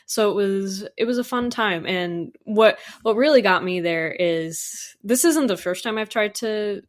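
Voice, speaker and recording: Guesting on a podcast, this woman, who composes for audio dramas, talks in a casual, enthusiastic, informal way. Her voice is mid-range and her delivery unhurried.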